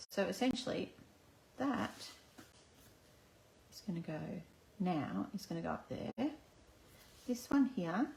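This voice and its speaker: At her crafting table, a woman with an Australian accent runs through a live card-making demo, narrating each step to herself in a chatty way. Her medium-pitched voice is a little mellow, and the room echoes with some faint noise in the background.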